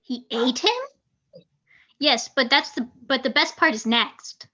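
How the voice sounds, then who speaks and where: A tiny, eager child begging for a bedtime story and peppering it with questions. The voice is very high and bright. It comes through dull, lo-fi call audio. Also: female voice, measured pace, exaggerated voice. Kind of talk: table read of a script.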